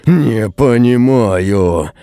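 A man voicing a panicked young man shouting desperately on the phone. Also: mid-range voice, animated, extremely slow, dry recording, studio quality, pitched above the performer's own voice.

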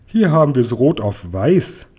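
A man reading a storybook aloud and voicing a plucky, polite but insistent boy, with a husky voice. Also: medium pitch, sing-song, a little slow, warm tone.

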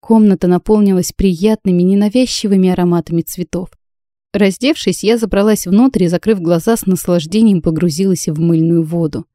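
A woman reading a first-person audiobook in an even storytelling manner. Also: on the low side, a little fast, dry recording, clean studio sound. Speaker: audiobook narrator.

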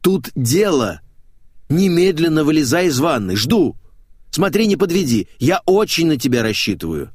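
A man reading an audiobook and voicing the narrator's pushy, hurried best friend, who speaks brisk and demanding. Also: lowish voice, big pitch swings, darkish tone, husky, dry recording, studio quality. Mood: urgent. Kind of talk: audiobook character voice.

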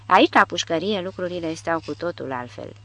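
A man reading the part of a nervous condemned cavalry prisoner who asks quiet, pressing questions in an audiobook. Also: fairly high pitch, expressive. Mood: uneasy.

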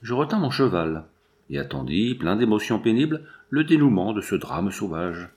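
Expressive male audiobook narrator. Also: lowish voice, normal speed. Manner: expressive, dramatic reading. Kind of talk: scripted narration.

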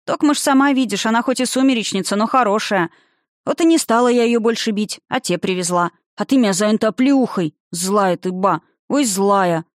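A woman reading a feisty, sulky young village witch girl with a rustic dialect, voiced higher and indignant. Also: brisk, no room sound, studio quality, close to an everyday voice.

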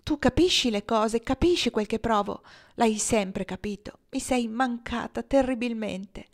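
A woman's voice: a little high, pitched above the performer's own voice. Woman reading as an eager young gold seeker. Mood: excited. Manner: hurried, enthusiastic.

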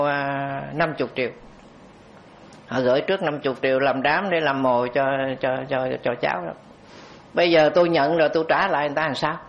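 A man, a Buddhist monk giving a storytelling dharma talk, speaking conversationally and addressing the audience directly. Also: on the high side. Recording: dull lo-fi recording.

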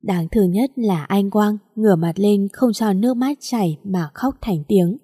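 A woman reading a storybook aloud in steady scripted narration. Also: medium pitch, normal speed, husky, dry recording, clean studio sound.

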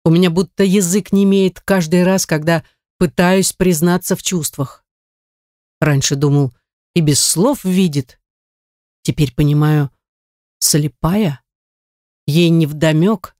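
An audiobook reader giving steady first-person narration of a romance novel. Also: mid-range voice, takes it slowly, pauses often, no room sound, clean studio sound.

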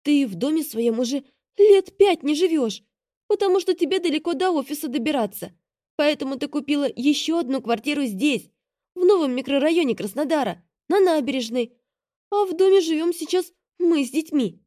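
A frightened, anxious sister, played by a woman reader, pleading in a nervous half-whisper. The voice sits higher than the narration, close and dry. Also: expressive, normal speed, dark tone, dry recording. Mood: worried, pleading.

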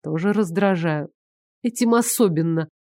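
A woman's voice: fairly low pitch, normal speed, mellow, dry recording, clean studio sound, close to an everyday voice. A woman reader as a prickly, scolding young woman. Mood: indignant. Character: prickly, indignant young woman, easily riled. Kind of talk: audiobook character voice.

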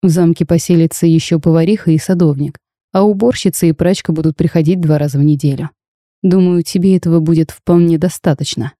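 A cursed dragon duke from a storybook, cold, curt and even-voiced, as a woman reads him. The tone is dark, mellow and fairly low. It is recorded dry and close. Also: brisk, dry recording, natural voice. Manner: flat, terse, reserved.

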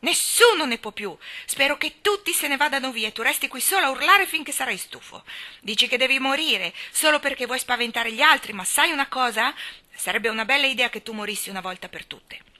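Woman playing a fierce, shouting little girl. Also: high-pitched, animated, normal speed, hardly any pauses, voice pushed up. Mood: furious scolding. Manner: shouting, foot-stamping defiance. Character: stubborn, fierce young girl.

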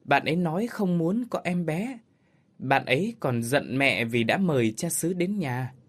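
A man voicing a frightened little girl who pleads in a high, childlike voice. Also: animated, a little slow. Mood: tearful.

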